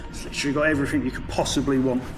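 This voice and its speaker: A man's voice: mid-range voice, flat delivery, very fast. A man giving an informal, step-by-step hands-on tutorial as a mechanic in a workshop. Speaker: mechanic presenter. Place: vehicle workshop. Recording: noisy workshop background.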